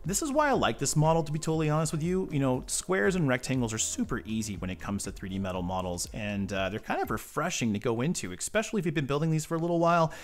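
Quick and expressive with few pauses, this man's voice sits on the high side. He's hosting a model-building tutorial at an indoor tabletop workbench, nose stuffed up from a cold, chatting casually and rambling off on tangents as he works.

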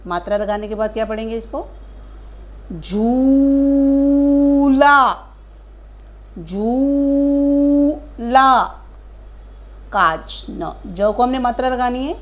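A woman teaching a kindergarten Hindi lesson, stretching out each word slowly and asking gentle questions of young children. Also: a little high, muffled recording. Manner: slow drawn-out syllables modelling words for children; patient questioning, addresses children as beta.

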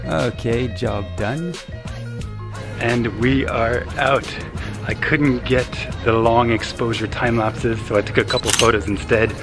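A man's voice: medium pitch, steady tone, measured pace. A man in his thirties, a travel vlogger, talking casually and enthusiastically to a handheld camera held at arm's length outdoors. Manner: chatty, enthusiastic. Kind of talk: casual vlog narration. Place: outdoors on a city rooftop and streets. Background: background music.

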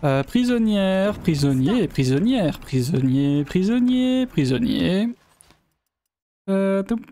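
A man's voice: sits high, big pitch swings, slow, mellow, a little hiss or hum. A man from Belgium giving live commentary on his strategy game, thinking aloud and often trailing off mid-sentence. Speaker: let's play gamer.

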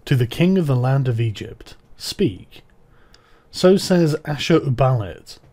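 A man giving a scripted recitation of historical letters, with a measured, formal delivery in short phrases. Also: medium pitch, dark tone. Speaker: reader of ancient texts.

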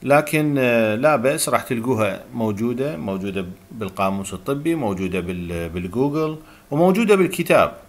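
A man with an Iraqi Arabic accent giving a recorded university lecture, reading English terms slowly and explaining them, with many hesitant filler sounds. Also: mid-range voice, lively intonation.

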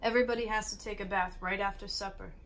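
A woman's voice: medium pitch, steady tone, fast, fairly bright tone, a little hiss or hum, lightly acted. A woman reading the lines of a weary, patient mother of three boys, spoken matter-of-fact.

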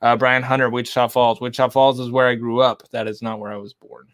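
Speaking quickly with little pitch movement, a Texan whiskey host in his 30s reads viewer comments during a relaxed livestream from his home bar lined with lit bottle shelves. His fairly bright, mid-range voice is captured on a desk condenser mic with no room sound.

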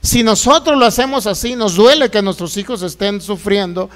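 A man's voice: high-pitched, moderate pace, a bit bright. A man preaching a sermon as pastor, folksy, acting out complaints in a raised voice.

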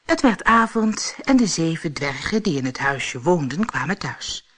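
A woman narrating a fairy tale in a lively, expressive storytelling manner. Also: sits low, unhurried.

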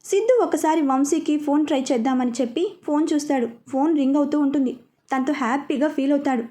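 A woman telling a scripted story in an even, explanatory way. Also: sits high, fast.

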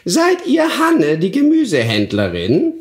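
A man puts on a shrill, croaking old fairy-tale witch, hunched and spiteful, who mutters her words in drawn-out, sing-song repetitions. Her voice sits far above a normal speaking pitch and stays hoarse throughout. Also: wildly swooping pitch, exaggerated voice. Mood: sly.

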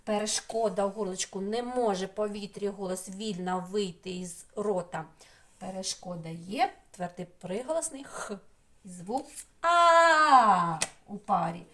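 A woman with a medium-pitched voice teaches preschoolers remotely at a moderate pace. She stretches out syllables and sounds, gently coaxing the children with questions.

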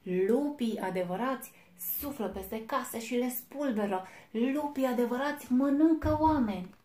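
A woman doing a booming big bad wolf. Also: animated, lightly acted. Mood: menacing. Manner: loud, booming threats. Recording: echoey room, faint noise.

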